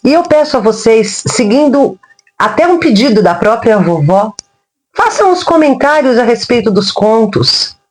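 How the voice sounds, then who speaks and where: Brazilian woman storyteller, gentle grandmotherly narration, animated pitch. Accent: Brazilian Portuguese. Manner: gentle, slow, grandmotherly address. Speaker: spiritual storyteller. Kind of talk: first-person storytelling narration.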